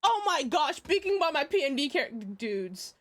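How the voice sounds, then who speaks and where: High-pitched, hyper young woman livestreamer. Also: very animated, moderate pace. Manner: hyper, giggly and scattered, repeating words. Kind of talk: casual livestream chat.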